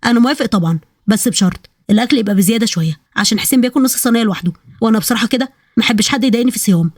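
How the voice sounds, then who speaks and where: A woman's voice: on the high side, racing, darkish tone, no echo, clean studio sound, close to an everyday voice. A woman voicing a scheming, food-loving middle-aged Egyptian uncle with playful ideas.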